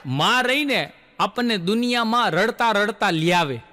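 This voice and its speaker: A man's voice: high-pitched, lively intonation, normal speed, background noise. A man telling stand-up jokes, a folksy storyteller who acts out the people in his stories. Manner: folksy storyteller acting out quoted characters. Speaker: comedian. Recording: long hall reverb.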